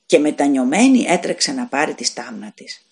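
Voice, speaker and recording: Expressive woman narrating a fairy tale. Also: low voice. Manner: expressive storytelling. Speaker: audiobook narrator. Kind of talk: scripted narration.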